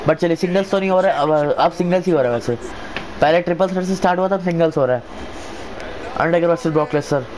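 A man with a slightly high voice commentates a wrestling video game in an excited, casual way. He talks like an informal wrestling commentator calling the action move by move, often repeating short phrases. There is faint noise behind his voice. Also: low-quality recording.

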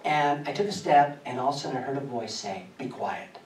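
A man preaching a sermon, telling a personal story in a lively way and often laughing as he speaks. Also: medium pitch, fast talker, a little hiss or hum. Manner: animated, laughing through his story. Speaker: pastor. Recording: echoey church from a distance.

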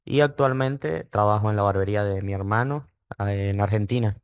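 A trading student from Mérida, Venezuela, appears as an interview guest, answering questions in a casual, hesitant way and repeating words. His voice is lowish and his speed normal, with a clean tone captured in a clean studio with no echo.

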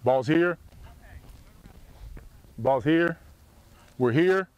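A middle-aged man coaching football drills outdoors, yelling short, repeated commands from the sidelines. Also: fairly high pitch, expressive, very slow, clear, resonant tone, no room sound, low-quality recording. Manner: clipped, repetitive commands. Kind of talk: drill instructions on the practice field.

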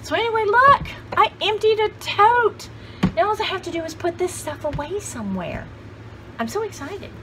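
Very high-pitched and expressive, at normal speed, a sixty-something vlog host shows her thrift haul to camera. She rambles with enthusiasm and exclamations in a cluttered home craft room indoors, and the home video background is clearly noisy.

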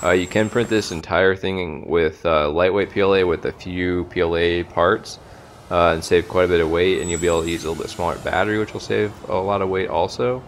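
A man giving a casual voice-over for his hobby video, relaxed and full of uhs. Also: low-pitched, brisk, slight background noise. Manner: relaxed, many filler uhs. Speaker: RC hobby channel host.

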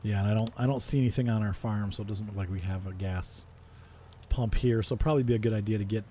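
A man's voice: fairly low pitch, fairly even intonation, fast, warm tone. A man casually talking through a farming simulator playthrough, thinking aloud with frequent fillers. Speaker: gaming video host. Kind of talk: casual farming-sim commentary.

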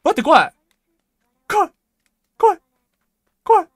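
Woman game streamer, excitable slangy self-talk, high lively voice, dry close sound. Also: slow pace, no echo. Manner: jumpy, excitable self-talk, rough slangy speech, frequent laughs. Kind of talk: live gameplay commentary.

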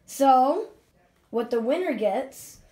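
Young female vlogger, higher-pitched, casual, directing a home challenge from behind the phone. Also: lively intonation, slow pace, mellow. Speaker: camera operator running the challenge. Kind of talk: casual vlog chat. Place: small bathroom. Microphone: handheld phone, close by.

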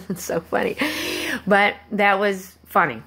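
A woman telling a personal story to her viewers in a halting, rambling way, with many restarts and asides. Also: medium pitch. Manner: animated when acting out quoted people. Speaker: vlogger.

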